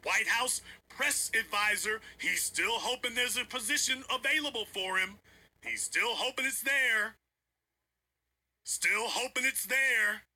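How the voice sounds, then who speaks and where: High, bright, husky-voiced man ranting. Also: lively intonation, a little slow. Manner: emphatic, repeats lines for effect; preachy, confrontational. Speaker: online political commentator. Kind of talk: livestream commentary rant.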